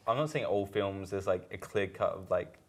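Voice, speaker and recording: A man co-hosting a casual film podcast, rambling through his thoughts with plenty of fillers and restarts. His voice sits fairly low. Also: normal speed. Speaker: podcast co-host.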